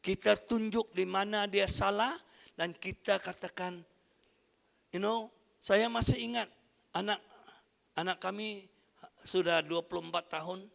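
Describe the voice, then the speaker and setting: An older man preaches in a high, gravelly voice with a bright, ringing edge. He speaks slowly and emphatically, leaning on each point. The sound carries a long church-hall reverb. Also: steady tone. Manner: emphatic preaching with frequent hallelujahs. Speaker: pastor. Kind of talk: sermon.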